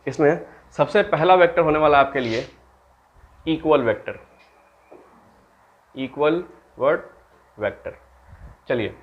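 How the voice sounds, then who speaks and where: This maths teacher from Bihar speaks with a fairly high voice, and the recording has its highs cut off. Lecturing in Hindi with English terms mixed in, he asks his students questions and supplies the answers himself.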